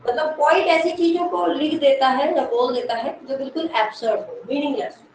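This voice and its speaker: A woman English literature teacher giving an exam-prep lecture, explaining slowly, repeating key words and quizzing the class. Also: high voice, fairly even intonation, darkish tone. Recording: echoey room, mic far from speaker, faint noise.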